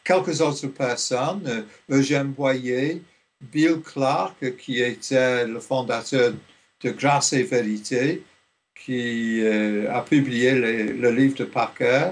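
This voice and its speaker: An older man from Liverpool, a theology professor, speaking in a radio interview, slowly and with many hesitations. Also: medium pitch, steady tone. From Liverpool, England. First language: English. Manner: slow, halting, many fillers.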